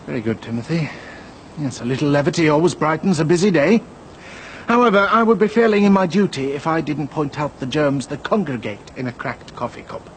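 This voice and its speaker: A man's voice: fairly high pitch, a little fast, slight background noise, natural voice, rough recording. A man playing a pompous, officious inspector in a soap drama, speaking in formal, precise, long-winded phrases. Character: pompous, pedantic male inspector, primly officious.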